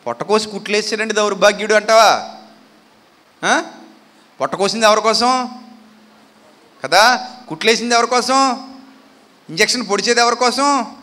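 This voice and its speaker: A man's voice: high voice, moderate pace, pauses often, sharp tone. A man preaching a sermon from a stage into a handheld mic, firing rhetorical questions at the congregation and building to emphatic declarations. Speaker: pastor. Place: church stage.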